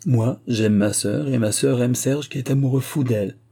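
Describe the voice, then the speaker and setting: A man voicing a frank, lively young woman who teases her parents in a storybook reading. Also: mid-range voice, normal speed, gravelly, voice pushed up. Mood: teasing.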